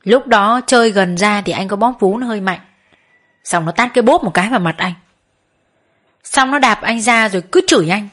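A woman's voice: medium pitch, normal speed, fairly bright tone, natural voice. A woman voicing a tipsy middle-aged man who pleads and justifies himself. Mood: defensive. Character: drunk middle-aged male customer, defensive.

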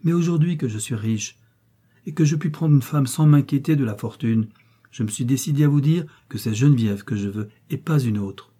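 A man reading an audiobook, voicing a young miller who speaks gently but firmly to his parents. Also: medium pitch, normal speed, close to an everyday voice. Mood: calm, firm. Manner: gentle, firm. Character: calm determined young miller son.

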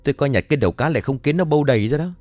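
A man doing a shrill, nagging village wife. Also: dry recording, soft background music, lightly acted. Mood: scolding. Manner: shrill, fast nagging scolds. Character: scolding peasant wife, middle-aged, quick-tempered.

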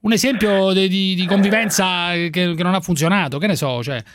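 A man's voice: high-pitched, brisk, fairly bright tone. A man hosting a provocative radio talk show in an insistent, colloquial, interrupting manner.

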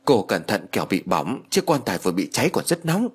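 A man doing a firm, steady older uncle. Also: on the low side, husky, full character voice. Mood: cautioning. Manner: firm, measured. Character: calm older uncle leading the family.

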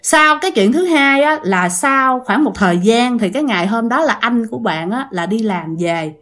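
Woman, chatty storyteller, slightly high voice, talks to listeners. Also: expressive, moderate pace, a bit bright. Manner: chatty, addresses listeners directly, many fillers. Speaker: ghost story teller. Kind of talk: casual spoken storytelling.

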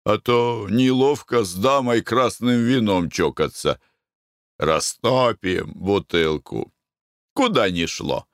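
A man's voice: lowish voice, slow pace, dry recording, studio quality. A man voicing a cheerful, free-spending merchant in a storybook reading. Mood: boisterous. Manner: boisterous, hearty.

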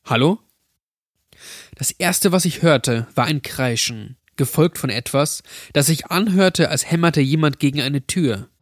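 A man calmly narrating a scripted horror story, recorded close to the mic. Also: on the high side, a little slow, hardly any pauses, dry recording.

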